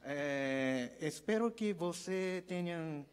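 A man with a Japanese accent giving a formal conference presentation as a non-native speaker, in a halting, hesitant manner. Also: on the high side, lively intonation, clean tone. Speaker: trade promotion speaker. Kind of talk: formal conference presentation in Portuguese as a second language. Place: conference hall stage.

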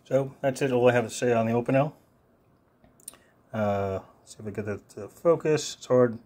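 A man's voice: medium pitch, moderate pace, mellow. A man giving an unscripted, one-take knife review, talking casually with a lot of ums and uhs. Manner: casual, rambling, many fillers. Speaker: product reviewer.

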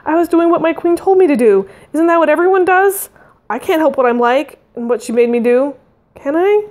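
Jittery young dragon girl blurting stuff out, woman reading her lines, bit high. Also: expressive, brisk, a little mellow. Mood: anxious blurting. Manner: blurting, nervous and defensive. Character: young female fire dragon, anxious and blunt.

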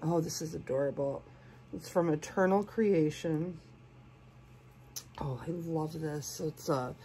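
A woman with a cold, sounding congested and sniffly, gushing softly as she unboxes doll clothes and sometimes dropping to a whisper. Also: sits low, breathy edge. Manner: gushing, soft-spoken, sometimes drops to a whisper. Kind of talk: casual unboxing chat.

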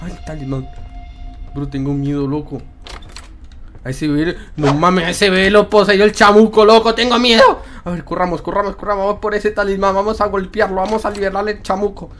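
A man's voice: high voice, fairly even intonation, fairly quick, a bit bright. Jittery young man playing a horror game. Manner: jittery, jokey, feigning fright, slangy. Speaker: gaming YouTuber. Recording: game music behind.

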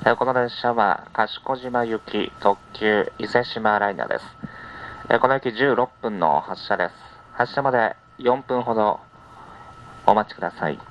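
A man's voice: on the low side, moderate pace, fairly bright tone. Male train conductor on a muffled PA. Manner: formulaic, repeated polite phrasing. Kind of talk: live onboard announcement. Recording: muffled train PA, cabin noise. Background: train cabin noise.

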